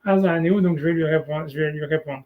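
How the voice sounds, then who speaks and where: Over narrow, tinny audio, a man with a fairly high voice teaches Torah one-on-one at a fast clip. The rabbi is relaxed and hesitant, scattering fillers and "tu vois" through French mixed with Hebrew terms.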